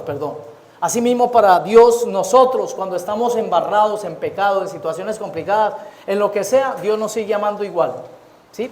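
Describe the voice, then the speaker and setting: High-voiced Colombian pastor preaching. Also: male voice, a little mellow. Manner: asks the congregation rhetorical questions. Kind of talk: sermon. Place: church. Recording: echoey church hall.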